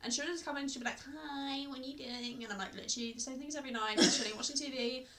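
Young woman chatting on a podcast, high bright voice, a bit far from the mic, keeps laughing and teasing. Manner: laughing, teasing, quick asides. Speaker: podcast co-host. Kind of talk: casual chat.

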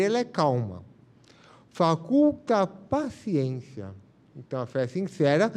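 A man's voice: fairly high pitch, mellow. A man giving a live spiritist lecture, reflective and explaining through first-person examples. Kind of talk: live religious talk.

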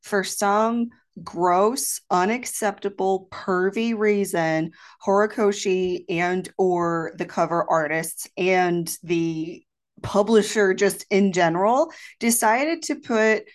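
A woman's voice: mid-range voice, slow pace. A woman co-hosting a podcast in casual chat, blunt and emphatic with free swearing, with a slightly echoey sound from recording in an office. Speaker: podcast co-host. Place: home office standing in for a recording studio. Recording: slightly echoey untreated room.

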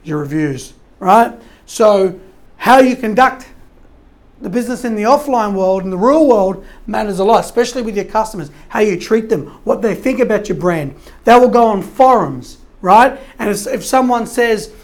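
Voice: medium pitch, lively intonation, moderate pace. An SEO consultant giving an informal explanatory talk, rambling with frequent restarts and "right?" tags, voice wearing thin from talking long.

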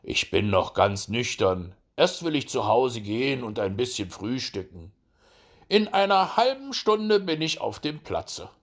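A man's voice: mid-range voice, sing-song, measured pace. A man doing a cocky, sly little hedgehog. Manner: cocky, bossy. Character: sly stubborn male hedgehog.

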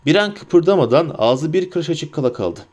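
A man's voice: a little high, expressive, moderate pace, darkish tone. A man narrating a story as an audiobook reader. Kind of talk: scripted narration.

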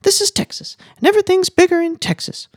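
A joke teller putting on a squeaky proud Texas waitress. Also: fairly even intonation, fast, no room sound, clean studio sound. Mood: boastful. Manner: squeaky high put-on voice, matter-of-fact. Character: brassy Texan waitress, proud and unflappable.

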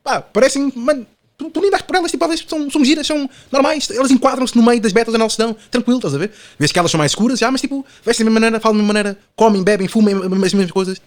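Very high-pitched and very fast, this man in his twenties rambles casually as a podcast guest. He speaks with a European Portuguese accent, using Lisbon slang, fillers, and frequent tag questions.

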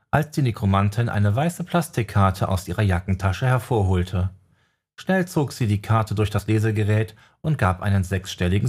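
Low husky male audiobook narrator. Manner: steady storytelling. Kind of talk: scripted narration.

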